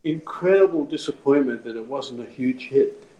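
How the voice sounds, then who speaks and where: A man's voice: mid-range voice, normal speed, muffled recording. A man from the Czech Republic, a songwriter guest explaining his music in a thoughtful, rambling way. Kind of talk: casual interview.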